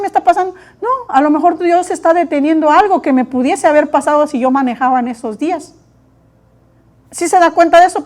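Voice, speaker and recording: A woman preaching a sermon, lively, acting out her own inner voice, her eyes watering from allergies. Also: high-pitched. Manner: animated, acts out her own inner dialogue.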